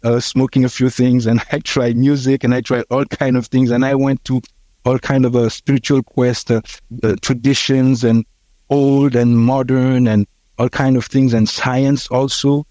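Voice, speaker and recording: Telling his life story as a podcast guest, this Haitian man in his 60s speaks in a reflective, halting manner with many fillers and restarts. The recording is dry, and his mellow, mid-range voice shows little pitch movement.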